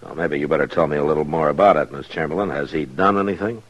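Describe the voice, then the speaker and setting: An actor playing a patient, firm frontier marshal with an American accent, speaking in a measured, dry, polite way in a radio western. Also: male voice, a bass voice, fairly even intonation, lo-fi sound. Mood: courteous. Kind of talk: old-time radio western acting.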